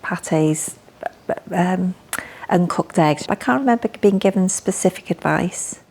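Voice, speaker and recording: A woman in her fifties, a patient, talking calmly and matter-of-factly about her treatment. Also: lowish voice, measured pace, vocal fry. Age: 50s. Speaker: patient sharing her experience. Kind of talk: casual chat.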